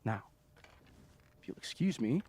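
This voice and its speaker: A man's voice: a little slow, warm tone, natural voice. An actor playing a flirty, theatrical male university office assistant in a video game, teasing and sarcastic.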